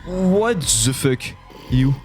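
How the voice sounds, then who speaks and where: Excitable French gamer, lively pitch. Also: male voice, slow pace, over music. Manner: excitable, swears, yelps when startled; talks to the game monsters. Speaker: gaming YouTuber. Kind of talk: live Minecraft let's-play commentary.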